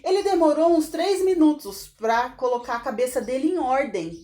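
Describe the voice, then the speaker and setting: A middle-aged woman hosts a podcast and tells a story casually, with laughing asides and sudden jumps in pitch. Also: animated, moderate pace, dark tone. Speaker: podcast host.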